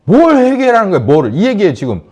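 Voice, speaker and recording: A male pastor delivering a sermon, his voice sitting a little high and swinging widely in pitch. He asks the congregation questions as he goes and acts out shouted quotes with force. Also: wildly swooping pitch, fast, muffled recording.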